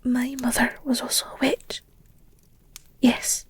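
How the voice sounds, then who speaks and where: In an audio roleplay, a woman plays a protective, devoted werewolf girlfriend, her breathy whisper earnest, tender and halting. Her voice sits high with little pitch movement, and the mood is regretful and tender.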